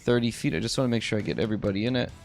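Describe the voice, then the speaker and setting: A man acts as game master for a live tabletop role-playing game, shifting between narration and rules talk while humming and muttering as he works out the rules. His voice is fairly low and creaky and he speaks very fast, with music playing behind him.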